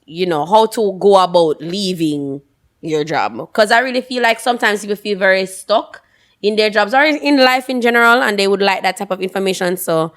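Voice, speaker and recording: Young woman, podcast co-host; casual, animated storyteller. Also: on the low side. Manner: animated storytelling, acts out quotes. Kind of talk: casual chat.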